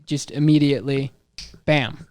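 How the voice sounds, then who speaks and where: 19-year-old Wisconsin guy as podcast guest; mid-pitched, dry close sound, rambling casual talker. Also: fairly even intonation, measured pace, a little mellow, no echo. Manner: rambling, thinks aloud with trailing asides.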